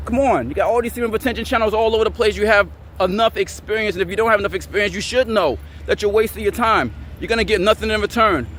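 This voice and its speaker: A man with a notably high voice delivers a blunt vlog rant, confrontational and preachy, repeating his lines for emphasis. Faint street and car noise hum behind him outdoors. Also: fast talker, hardly any pauses, fairly bright tone. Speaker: vlogger. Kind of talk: blunt motivational rant to camera.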